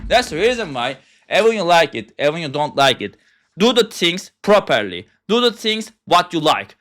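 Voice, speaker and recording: A young man with a Turkish accent delivers a heated, profane rant in broken English. His voice sits high and swings widely in pitch, with a bright, sharp edge. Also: very animated, moderate pace. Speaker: self-styled philosopher. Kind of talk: ranting monologue.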